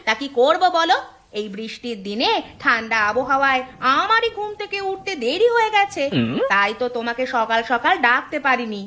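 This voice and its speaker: A woman's voice: high voice, very animated, moderate pace, full character voice. A woman voicing a bossy, practical village housewife and mother in a cartoon, scolding and bustling. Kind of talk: cartoon voice acting. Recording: cartoon soundtrack with loud music.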